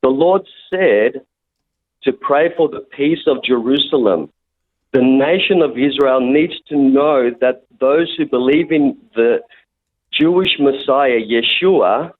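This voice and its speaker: Australian man calling in, muffled phone line. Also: medium pitch. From Victoria, Australia. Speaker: radio phone-in caller. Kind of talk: earnest scripture quoting and comment. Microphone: telephone.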